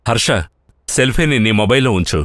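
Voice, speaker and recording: A man dubbing a police officer who questions people briskly. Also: medium pitch, lively intonation, a bit bright, dry recording, close to an everyday voice. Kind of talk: dubbed TV crime drama.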